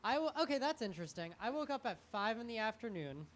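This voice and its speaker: A young man, a comedian and guest, speaking in a halting, rambling, self-deprecating way on a live talk show. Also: sits high, sing-song, fairly bright tone. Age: young adult.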